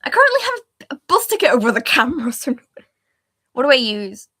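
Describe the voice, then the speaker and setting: A woman's voice: sits high, very animated, a little fast, sharp tone, husky, no echo, studio quality. A woman live-streaming while she draws on a laptop, chatting casually and narrating each step, often trailing off mid-thought. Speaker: livestreaming artist. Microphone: laptop mic.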